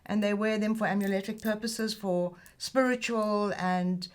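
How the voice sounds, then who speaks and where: A woman's voice: mid-range voice, fairly even intonation, moderate pace, clear, resonant tone. An older woman with a South African accent, a guest chatting easily and telling stories in an interview. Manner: chatty storyteller who laughs easily. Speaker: guest, film editor and producer. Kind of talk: casual interview chat.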